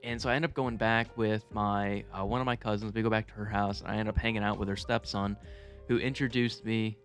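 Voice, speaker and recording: A man's voice: on the low side, flat delivery, fairly quick, soft background music. A young man telling stories casually to viewers in a rambling, amused, profanity-laced way with lots of slang. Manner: amused, chuckling at own tales. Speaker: storyteller video creator. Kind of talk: casual storytime monologue.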